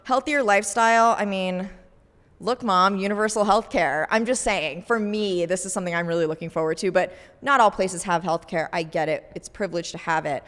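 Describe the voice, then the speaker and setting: A woman's voice: lowish voice, brisk, hardly any pauses, a bit bright, long reverb tail. A woman co-hosting a podcast, chatting casually with plenty of fillers. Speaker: podcast co-host. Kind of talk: casual chat.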